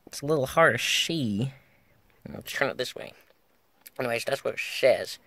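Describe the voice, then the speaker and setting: This car-repair vlogger, filming up close on a handheld camera, chats casually while yanking speakers from an old pickup. His mid-range voice is expressive, pushed and bright at normal speed, with a playful fake twangy drawl plus mutters and grunts from the cab. There's no echo.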